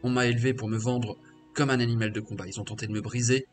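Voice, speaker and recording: A bitter male half-orc warrior mage, scornful and crude, who brags about the masters he defied, as a man reads his game lines aloud. The voice sits at a middle pitch, read as game dialogue over faint background game music. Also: steady tone, fast talker, close to an everyday voice.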